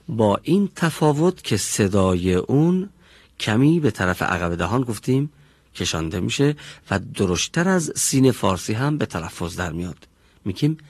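A male teacher leads a classroom pronunciation lesson in a slightly low, husky voice. He talks slowly and deliberately, stretching out each sound as he demonstrates it for his students. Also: dry recording. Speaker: Quran recitation teacher.

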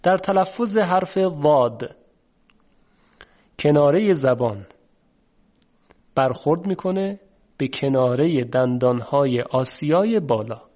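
A man teaching a tajweed pronunciation lesson, patiently explaining and slowly drawing out sounds to demonstrate them. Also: on the high side, lively intonation, dark tone. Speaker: Quran recitation teacher. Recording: dull, lo-fi recording.

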